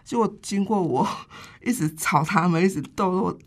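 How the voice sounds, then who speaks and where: A woman, a hospice caregiver telling stories in an interview with lively, laughing delivery. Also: fairly low pitch, normal speed. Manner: lively storyteller who laughs often. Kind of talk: interview storytelling.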